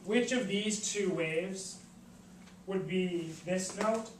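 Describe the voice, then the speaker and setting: A woman's voice: medium pitch, takes it slowly. A woman teaching a chemistry class, asking questions and coaxing her students to answer. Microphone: camera across the room. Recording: echoey classroom, distant camera, noisy.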